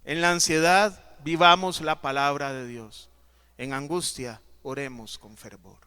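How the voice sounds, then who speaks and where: A man preaching a sermon as pastor, emphatic and dramatic, swinging between loud and soft. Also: fairly high pitch, steady tone, unhurried, smooth.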